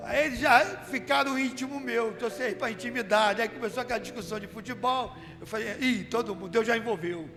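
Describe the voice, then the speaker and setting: A church deacon from Rio de Janeiro tells his testimony in a very high voice, briskly and with few pauses, animatedly acting out his own quotes and rising to shouts at the peaks. He's in a church hall, and the recording is reverberant with music playing behind him.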